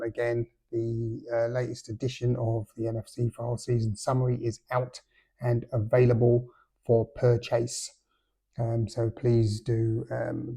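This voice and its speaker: A man's voice: mid-range voice, vocal fry, dark tone, breathy edge. A middle-aged man hosting a casual solo football podcast, hesitant with many fillers and dry, understated remarks. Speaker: podcast host.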